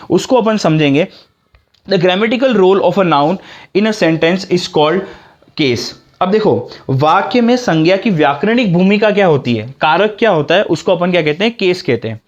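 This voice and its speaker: A man's voice: sits high, lo-fi sound. A man teaching an English grammar lesson to beginners, explaining step by step and asking himself questions.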